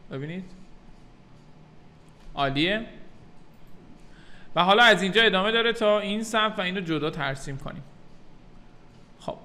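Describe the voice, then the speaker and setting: Man, software tutor; bright, slightly high voice, calm step-by-step delivery. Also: long pauses. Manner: calm step-by-step explaining, addresses viewers as kids. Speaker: 3D modeling tutor.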